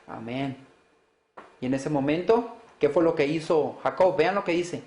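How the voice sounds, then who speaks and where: A man's voice: on the high side, a little slow, darkish tone, reverberant. A man preaching a sermon, asking his listeners rhetorical questions and answering them with rising emphasis.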